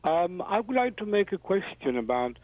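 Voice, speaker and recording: A man with a Peruvian Spanish accent, a teacher calling in, speaking formally, politely and haltingly. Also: sits high, sing-song, slight background noise. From Peru. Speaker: caller, teacher. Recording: dull phone line.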